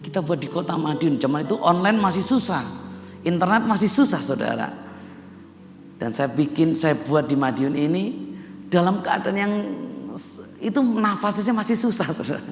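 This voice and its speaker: This middle-aged man from Java, Indonesia, is a pastor preaching to a congregation in a church hall, repeatedly addressing them and building to emphatic peaks. His voice is on the high side and animated, at a moderate pace. Long church reverb fills the recording, with a faint instrument behind.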